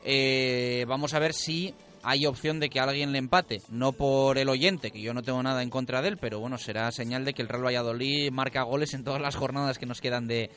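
A man's voice: medium pitch, steady tone, fairly quick, a bit bright. A man with an accent from Spain hosting a casual sports radio show, colloquial, with question tags. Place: radio studio. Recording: music bed behind.

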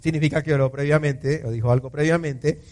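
A man's voice: a little high, steady tone, a little fast, darkish tone. A man preaching a church sermon, acting out scripture passages, cracking jokes and calling on the congregation to answer him. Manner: theatrical, acting out scripture quotes; jokes and calls on the congregation to respond. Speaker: pastor. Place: church service.

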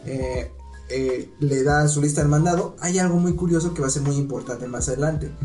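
A man with a Mexican accent, co-hosting a casual podcast, excitable and slangy, swearing freely. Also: fairly high pitch, normal speed. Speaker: podcast co-host. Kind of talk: casual chat. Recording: echoey room with faint music.

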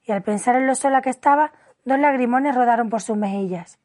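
A woman reads a classic storybook aloud, voicing its scenes with expression. Her voice sits a little higher than usual. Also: fairly quick, a little mellow. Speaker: audiobook reader. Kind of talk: storybook narration.

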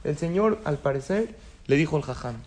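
A man's voice: fairly high pitch, animated, moderate pace, a little mellow, slight background noise. A man teaching a religious class, telling a story and asking his listeners rhetorical questions. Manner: conversational, asks the audience rhetorical questions.

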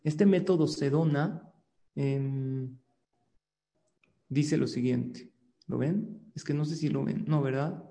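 A man gives a religious class as a rabbi in an animated lecturing manner, often turning to his listeners with questions. His voice sits on the high side yet sounds mellow. The recording carries a roomy echo with a long reverb tail. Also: slow pace, pauses often. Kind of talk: religious lecture over a video call. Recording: echoey room with long reverb.

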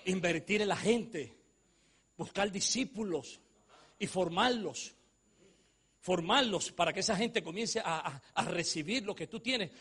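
High, husky-voiced preacher man. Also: measured pace. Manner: swings from hushed to shouting, jokes with the audience. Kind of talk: sermon.

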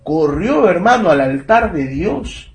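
A man's voice: high voice, big pitch swings, takes it slowly. A man in his thirties preaching a sermon, emphatic and constantly calling his listeners brother and checking that they follow him. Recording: echoey room.

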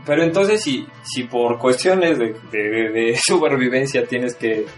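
A young man hosts a podcast in Mexico City Spanish, chatting casually and at length in a relaxed, rambling way and laughing often. His mid-range voice moves a little slowly, with faint music behind.

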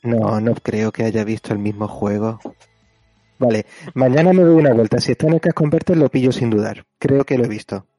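A man's voice: mid-range voice, a little fast, mellow, no echo, faint music behind, poor audio. A man chatting casually as a podcast panelist. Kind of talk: casual chat.

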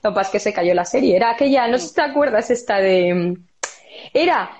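A woman's voice: on the high side, fairly quick. A woman in her thirties, a stage actress, chatting in an interview, telling anecdotes with frequent laughter and acting out the dialogue. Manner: lively storyteller, laughs often, acts out dialogue. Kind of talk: casual interview chat.

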